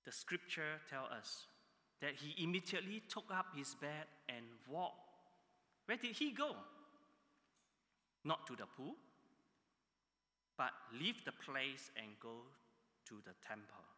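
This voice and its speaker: A man delivers a sermon at a slow, deliberate pace. His voice is piercingly bright and tense, and he punches key words with emphatic jumps in pitch. A long reverb trails each phrase, as in a large hall. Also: animated. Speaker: preacher.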